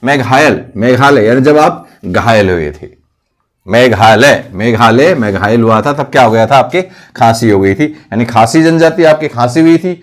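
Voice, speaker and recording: Hindi teacher quizzing himself on mnemonics. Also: male voice, mid-range voice, expressive, normal speed. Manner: repetitive, asks questions then answers them himself. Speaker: exam coaching teacher. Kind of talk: mnemonic lesson for competitive exams.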